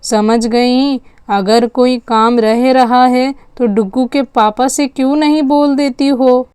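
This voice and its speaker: A woman voicing an elderly grandmother in a doll story, speaking slowly and soothingly. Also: fairly even intonation, darkish tone, clear, resonant tone, no echo. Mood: calm. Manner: slow, soothing, low-voiced. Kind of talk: storytelling with dolls.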